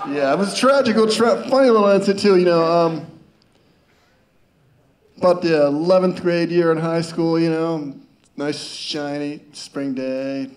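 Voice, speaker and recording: Male stand-up comic, high voice, rambling, stammering delivery. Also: a little hiss or hum. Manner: rambling storytelling, stammers and restarts, chuckles. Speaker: stand-up comedian. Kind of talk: stand-up comedy.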